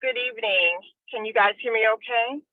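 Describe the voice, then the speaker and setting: A woman's voice comes through a car speakerphone while she drives, narrow and tinny like a phone line. The sound is dry and close, with no room around it. She speaks politely and briskly, in a matter-of-fact way. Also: on the high side, no room sound. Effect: phone call from a car on speakerphone. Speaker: chief of staff to a city official. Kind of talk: formal statement at a public hearing.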